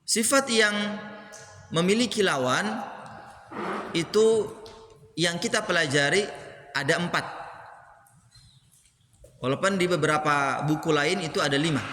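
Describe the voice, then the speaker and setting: A man teaches a class, patiently explaining and repeating each term. His voice is bright and fairly high. It rings out with a long echo through a large mosque hall. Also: slight background noise. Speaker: Quran recitation teacher. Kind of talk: classroom lesson. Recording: echoey mosque hall, faint ambience.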